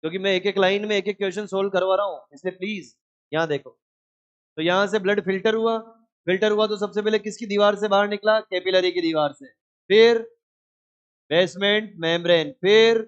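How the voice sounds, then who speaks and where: Guy teaching a biology class, a bit high voice, keeps quizzing the class and answering himself, dull lo-fi sound. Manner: animated, asks the class questions and answers them himself; scolds inattentive students. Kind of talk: classroom lecture.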